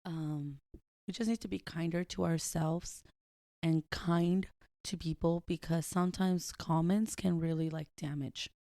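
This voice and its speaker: A woman's voice: lowish voice, fairly even intonation, measured pace, dark tone, no echo. A woman co-hosting a casual podcast chat with a sore, dry throat, dropping Spanish words into her talk. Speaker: podcast co-host.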